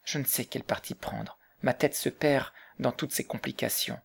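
A man reading the part of a bitter, grieving young mother, speaking softly and subdued in an audiobook. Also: medium pitch, moderate pace, vocal fry, breathy edge. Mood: troubled. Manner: soft, subdued, hushed.

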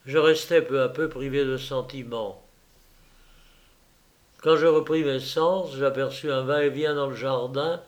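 A man narrating an adventure story in a steady, deliberate reading. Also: a little high. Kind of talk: audiobook narration.

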